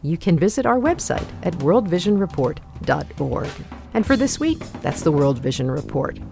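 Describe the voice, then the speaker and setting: A woman hosting a radio news show with polished, clear delivery. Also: on the low side, big pitch swings, normal speed, dark tone, faint music behind. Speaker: show host.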